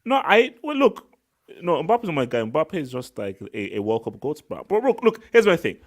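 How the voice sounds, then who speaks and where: A man hosting a casual live football reaction chat, slangy and animated, repeating words for emphasis. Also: fairly high pitch, moderate pace. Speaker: live stream host.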